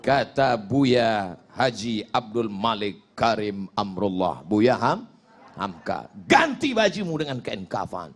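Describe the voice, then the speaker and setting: A man preaching a sermon, joking, dropping from shouted emphasis to low asides and chanting Arabic quotes. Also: sing-song, slow.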